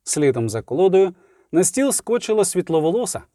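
A man narrates an audiobook dramatically, his fairly high voice rising and falling in a lively way. The recording is dry and close, with no room sound. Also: brisk, no echo. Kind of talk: expressive audiobook reading.

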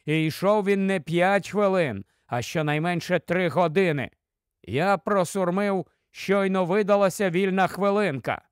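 A man's voice: high voice, a little slow, smooth, dry recording, studio quality, pitched above the performer's own voice. A man voicing a young king explaining himself earnestly in an audiobook. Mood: insistent.

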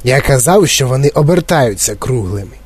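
A man reading an audiobook, voicing an eccentric, excitable male candy-factory owner who talks in brisk, insistent exclamations. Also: medium pitch, slightly rough. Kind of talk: audiobook character voice.

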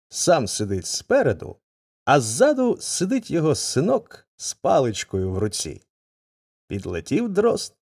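Чоловік неспішно читає народну казку, дуже виразно, з широкими злетами й спадами інтонації. Голос хрипкуватий, звук сухий і близький. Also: male voice, a little high, no echo, clean studio sound. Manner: expressive, dramatic intonation. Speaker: narrator. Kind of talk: storybook reading.

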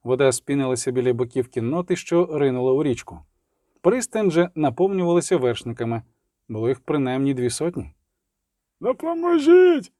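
Male audiobook narrator, mellow dark tone, dry close mic. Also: mid-range voice, brisk, dry recording. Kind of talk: scripted narration.

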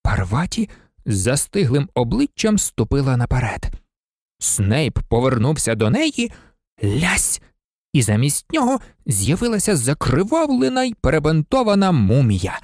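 A reader narrating a storybook expressively, with pitch shifting for drama. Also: big pitch swings, normal speed, a little mellow, no echo, studio quality. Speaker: audiobook reader.

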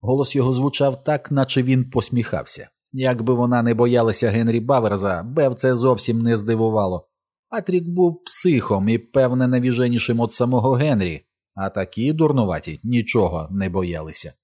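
A man reading a novel aloud as an audiobook narrator, in a measured, dramatic way. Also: mid-range voice, a little mellow.

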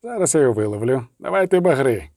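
A man's voice: mid-range voice, sing-song, fast, darkish tone, dry recording, clean studio sound. A man voicing a rustic, matter-of-fact customs officer with folksy speech. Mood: offhand.

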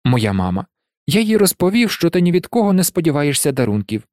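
Man doing excitable young boy, high squealing voice, lively swings, dry close sound. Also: fast talker, dry recording. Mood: embarrassed. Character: excitable boy wizard, anxious and eager.

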